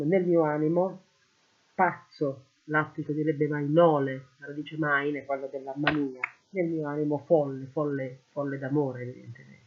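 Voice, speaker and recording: Man, teacher, slow deliberate lecture, husky voice, tinny phone-like sound. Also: a little high. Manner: slow, deliberate, translating word by word. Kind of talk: lecture on Greek poetry. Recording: phone-like lo-fi audio.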